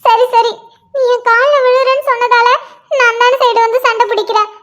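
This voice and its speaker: A woman's voice: very high-pitched, steady tone, normal speed, a bit bright, lo-fi sound. A woman voicing a jealous, sulky female lizard scolding her husband in a cartoon. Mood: sulking.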